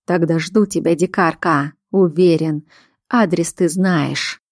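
A cold, domineering male werewolf who leads a pack, voiced by a woman reading an audiobook, speaks in slow, clipped commands. His voice sits low and unhurried. The sound is close and dry, with no room around it. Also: steady tone, dry recording. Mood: teasing. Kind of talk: audiobook character voice.

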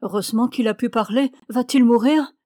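A distraught young woman whose voice climbs high and loud as she stammers her denials, voiced by a woman reading a storybook. The recording is dry, with no room around it. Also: brisk, no echo, natural voice. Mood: anxious. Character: frightened young woman accused of shooting. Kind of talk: audiobook reading.

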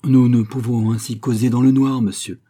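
A man's voice: medium pitch, level tone, moderate pace, warm tone, pitched above the performer's own voice, close to an everyday voice. A man doing a kindly, acclaimed playwright. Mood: courteous. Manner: courteous, indulgent. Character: acclaimed, kindly middle-aged male playwright.

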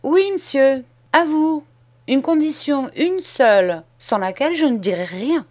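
Brief: woman reading as a calm, defiant boy, high and firm, storybook audiobook. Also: a little slow. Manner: polite, firm and unyielding. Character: bold, calm, defiant young schoolboy.

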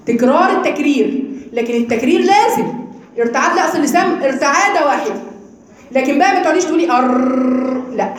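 A high-voiced woman with an Egyptian Arabic accent teaches a live tajweed class on Quran recitation, explaining quickly, then demonstrating sounds slowly and quizzing her students. The room is very echoey, with people around.

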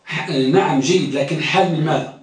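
High-voiced male teacher in echoey hall. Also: brisk. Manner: quizzes students and repeats key phrases. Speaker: teacher of hadith studies. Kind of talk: classroom lecture. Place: lecture hall or classroom. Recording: very echoey room, distant mic.

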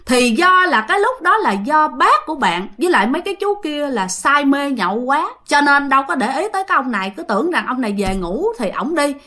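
Lively woman storyteller. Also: high voice, brisk, few pauses. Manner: chatty, addresses listeners directly. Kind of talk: casual ghost story narration.

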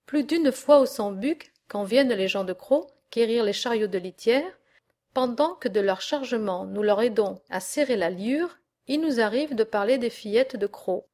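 A woman's voice: a little high, lively intonation, moderate pace, a little mellow, lightly acted. A woman voicing a proud young male horse herder who speaks forthrightly as a suitor, in an audiobook reading. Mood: eager.

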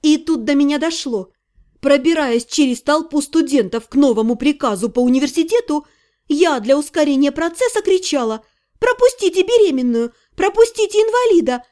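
High-voiced woman reading an audiobook. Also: expressive, normal speed, warm tone. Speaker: audiobook narrator. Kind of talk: first-person fantasy audiobook narration.

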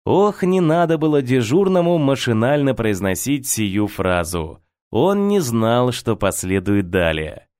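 A man reads a first-person audiobook with a wry, ironic lilt and lively, varied pitch. The recording is close and dry, with no room sound. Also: measured pace, no room sound. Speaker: audiobook reader.

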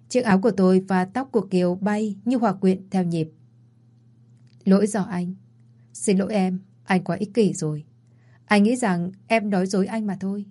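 A woman's voice: medium pitch, dark tone. A woman narrating a romance story, reading every character's lines in her own voice. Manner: reads all characters in one voice.

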